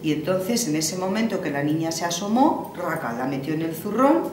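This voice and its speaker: A woman's voice: deep voice, lively intonation, normal speed, a little mellow, slight background noise. A woman from Spain telling a traditional folktale in a homely way, with fillers and restarts. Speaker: storyteller. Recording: roomy, from a distance, faint ambience.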